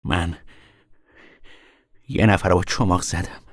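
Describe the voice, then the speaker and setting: A man's voice: fairly even intonation, no room sound, clean studio sound. An actor playing a weary young man on the run who talks in a tired, grim way. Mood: shaken. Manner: tired, grim, low-voiced.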